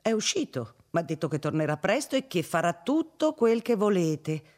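A man's voice: sits high, very animated, normal speed, pitched above the performer's own voice. A man voicing an old woman servant who pleads in a peevish, fretful way, in an audiobook reading. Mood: pleading peevish.

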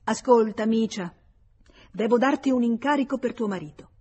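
A woman's voice: a little high, normal speed, a little mellow, husky, dull audio, pitched above the performer's own voice. A woman reading an audiobook gives voice to a smug young man, a scheming lover who talks in a confiding, self-assured way. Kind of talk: audiobook character voice.

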